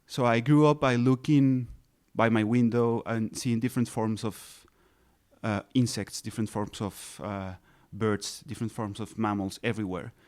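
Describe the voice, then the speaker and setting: A man's voice: on the low side, fairly even intonation, moderate pace, darkish tone. A man in his thirties, raised in Colombia, patiently explaining his research as a guest in an interview, with frequent restarts and fillers. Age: 30s. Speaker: ecologist guest.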